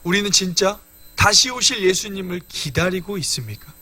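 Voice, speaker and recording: A man's voice: high voice, lively intonation, moderate pace, bright, forceful tone, no echo. A young man preaching a midweek church sermon, earnestly explaining scripture and addressing the congregation directly. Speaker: evangelist preaching.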